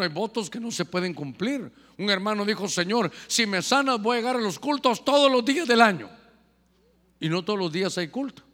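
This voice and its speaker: Male pastor, high voice, fervent sermon delivery, long hall reverb. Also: fairly bright tone. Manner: fervent preaching, often addressing "hermano".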